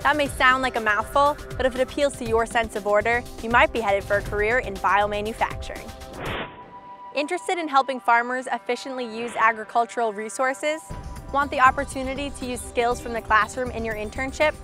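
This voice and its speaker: A young woman presents in an upbeat, clear, scripted way, her voice sitting a little high. Faint music plays underneath. She sounds like a show host speaking outdoors. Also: brisk, sharp tone. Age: young adult. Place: outdoors on a campus.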